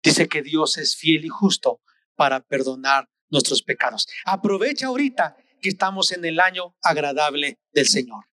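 A man's voice: fairly high pitch, lively intonation, normal speed, bright, forceful tone, no echo, studio quality. A man preaching a sermon in an earnest, exhorting way, repeating phrases for weight.

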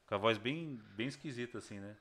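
A man's voice: mid-range voice, a little fast. A young man, telling a personal story in casual chat and acting out the people in it. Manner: animated, acts out voices of people in his story, slangy. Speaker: guest telling his conversion story.

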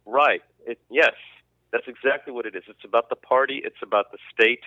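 A man co-hosting a history podcast in casual chat, emphatic and opinionated, often restarting his sentences. His voice comes through thin and tinny, like over a phone line, and the sound is dry with no room around it. His pitch sits in the middle. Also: brisk, no echo. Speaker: podcast co-host.

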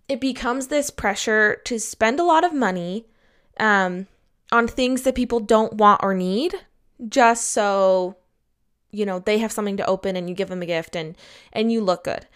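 A woman's voice: fairly high pitch, unhurried, smooth. A woman talking casually and candidly in an upbeat advice vlog, emphatic and chatty, laying out her points in an organized way. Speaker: advice vlogger.

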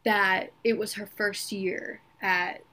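A young woman co-hosts in a casual, conversational style. Her voice sits at a middle pitch for a woman. She phrases things informally, with "like" scattered through her talk. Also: flat delivery, slow, bright, forceful tone. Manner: informal, frequent "like" as filler. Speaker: podcast co-host. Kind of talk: casual chat.

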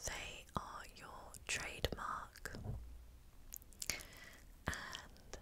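A woman giving an ASMR pep talk of affirmations in a breathy whisper close to the microphone, soothing and encouraging, with pauses.

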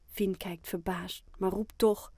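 A woman narrating a children's audiobook in a gentle, clear storytelling manner, close to the mic. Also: medium pitch, unhurried, dry recording.

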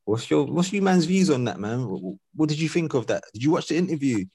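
A man's voice: on the high side, animated, quick pace, warm tone. A man with an urban London street accent hosting a podcast in casual, slang-heavy roadman talk. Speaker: podcast host.

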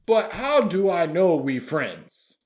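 A hulking, dim-witted brute put on by a man who booms out short broken phrases. He drags his words slowly and swings his pitch around, rising loud and high when he threatens. It's a tabletop game voice. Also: sing-song, exaggerated voice. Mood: dim suspicious. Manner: broken simple English, slow and loud.

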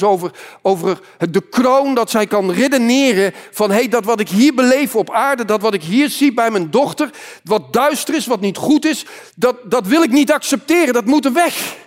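A man preaching a sermon as pastor, moving between loud exhortation and hushed, quiet passages. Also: very high-pitched.

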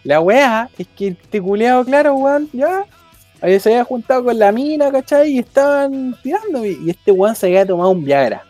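A man's voice: very high-pitched, expressive, normal speed, warm tone, no echo, faint music behind. A young man with a Chilean accent telling a rambling, slang-filled anecdote in casual chat. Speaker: storyteller.

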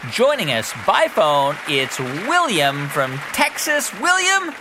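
In a scripted children's comedy podcast, a performer plays the earnest, easily startled co-host of a science game show, a comic straight man with an exaggerated announcer delivery. The medium-pitched voice swoops wildly yet takes it slowly, sounding showy and upbeat. Crowd and background noise are audible.

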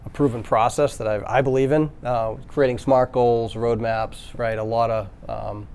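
A construction company president speaks candidly and earnestly on a panel, often ending his points with a questioning tag. His mid-range voice is steady, a little mellow and clean, at normal speed. He uses many fillers and tag questions.

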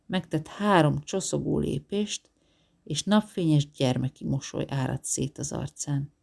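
A man reading a novel aloud as an audiobook narrator, measured and even. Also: fairly high pitch, vocal fry. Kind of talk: scripted narration.

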